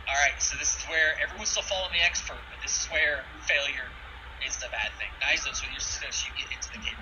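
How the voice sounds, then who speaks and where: A man's voice: on the high side, fast, highs cut off. Male game master, distant noisy mic. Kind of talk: tabletop game narration and casual table talk. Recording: distant mic with clear background noise.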